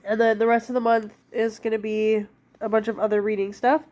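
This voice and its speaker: A book vlogger in her thirties, stuffed up with a cold, chats casually about books and rambles with plenty of fillers. Her voice is fairly high and a little mellow, delivered flatly and fairly quickly.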